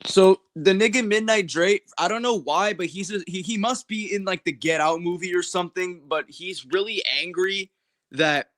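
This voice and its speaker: Man, standard American accent, slightly high voice, casual livestream commentary, blunt, slangy, sweary. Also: moderate pace, fairly bright tone. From California, United States. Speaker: livestreamer answering viewer questions.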